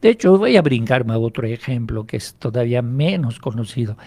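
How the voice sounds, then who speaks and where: This radio interview features a hypnotherapist whose first language is French. He has a mellow, warm, animated voice of medium pitch, and he explains things patiently and in a measured way, raising his own questions and answering them.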